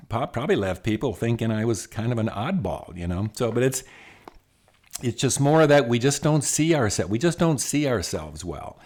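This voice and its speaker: A middle-aged man, an executive coach, telling stories in a lively, conversational way with frequent restarts and asides. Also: mid-range voice. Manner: animated, many restarts and asides. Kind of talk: conversational storytelling.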